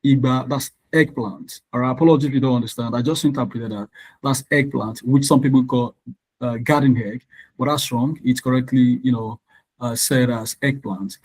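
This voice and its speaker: In a low-quality recording, a male tutor talks at a moderate pace with a steady, mid-range voice that's a little mellow and slightly breathy. Originally a Yoruba speaker from Nigeria, he teaches an online exam-prep class, patiently spelling out words letter by letter and checking in often with "all right."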